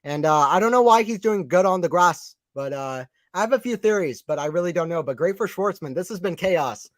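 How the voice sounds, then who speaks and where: A man's voice: high voice, no room sound, clean studio sound. A young man doing casual live tennis play-by-play, chatting with viewers and reading the chat aloud. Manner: chatty, reads chat aloud, quick excited calls. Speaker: live stream commentator.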